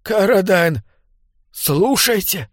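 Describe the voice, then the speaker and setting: A man voicing a tense man who speaks in hushed, urgent whispers in a read-aloud story. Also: fairly high pitch, a little slow, no room sound, clean studio sound, natural voice. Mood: whispered alarm. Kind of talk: audiobook character voice.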